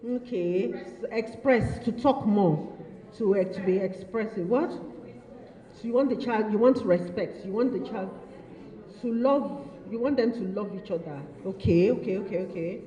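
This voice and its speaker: A woman's voice: mid-range voice, a little slow, dark tone. Woman in an echoey hall. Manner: repeats and affirms audience answers, playful teasing. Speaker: workshop facilitator. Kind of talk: interactive training session. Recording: echoey hall, dull lo-fi sound.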